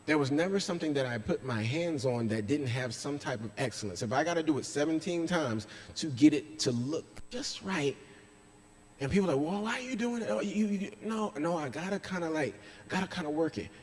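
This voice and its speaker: A man, a pastor, preaching a sermon with emphatic delivery that swings between loud stretches and hushed ones. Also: fairly high pitch, fairly quick. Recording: echoey church hall.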